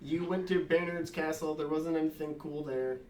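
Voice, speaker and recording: A man narrating as game master in casual banter, laughing often and tossing in quick asides. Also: fairly high pitch, fairly even intonation, music in the background.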